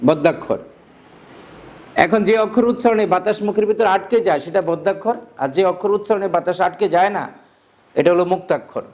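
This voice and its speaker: High-voiced man teaching, repeating words. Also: a little mellow. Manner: repeats key words slowly and quizzes the listener. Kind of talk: classroom grammar lesson.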